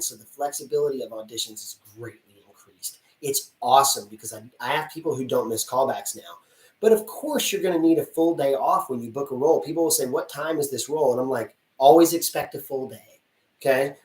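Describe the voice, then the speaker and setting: The speaker, a man with a medium-pitched, slightly mellow voice, works as a casting director. During a live Q&A he gives actors straightforward, chatty advice and acts out little scenes, all picked up from a distance in a roomy room.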